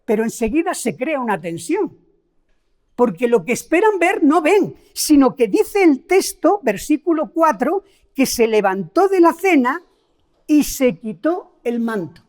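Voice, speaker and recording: Preaching to her congregation, this middle-aged woman from Spain speaks with a Spain Spanish accent, stressing key words and posing rhetorical questions. Her high, sing-song voice is a little mellow and unhurried.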